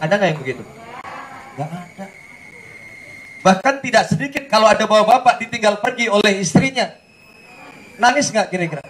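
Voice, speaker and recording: Male preacher with an Indonesian accent, pitched high, teasing the crowd with questions; faint hum behind. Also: lively intonation, fairly quick, long pauses, a bit bright, poor audio. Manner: joking, questions the audience directly, sings snatches. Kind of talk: lively sermon to a live congregation.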